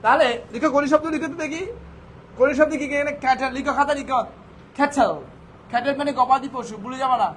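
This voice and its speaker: A male English teacher with a very high, steady, fairly bright voice talks fast through a classroom vocabulary lesson. He fires questions at his students and answers them himself. The rough recording carries faint background noise.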